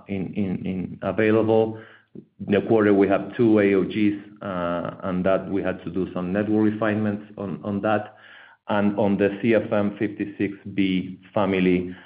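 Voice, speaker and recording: Guy presenting over a choppy conference call, low flat voice, tinny phone sound with echo, keeps stumbling and repeating words. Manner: halting, stumbling delivery with many repeated words. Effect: heard over a conference call line that keeps cutting out. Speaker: company executive presenting quarterly results.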